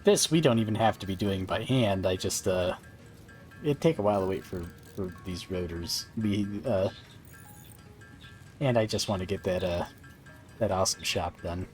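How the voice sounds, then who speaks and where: A man's voice: low voice, moderate pace, long pauses, darkish tone, faint music behind. A man streaming a video game, talking casually to viewers and thinking aloud with fillers and playful asides.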